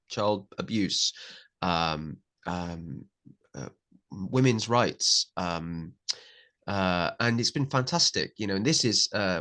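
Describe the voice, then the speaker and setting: A man's voice: on the low side, a bit bright. A man hosting a podcast, chatting with his guest and asking questions. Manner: chatty, interviewing. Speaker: podcast host. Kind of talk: casual conversation.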